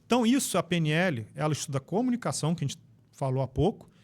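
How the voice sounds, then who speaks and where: A Brazilian man explaining ideas in an animated, instructive way as a guest on a casual podcast. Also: fairly high pitch, quick pace. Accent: Brazilian Portuguese. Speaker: podcast guest, NLP trainer.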